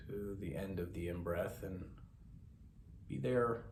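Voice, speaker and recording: A man who teaches mindfulness, talking slowly and calmly with long pauses as he guides a meditation. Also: deep voice, reverberant, background noise. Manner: slow, calm, pausing instructions. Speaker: mindfulness instructor.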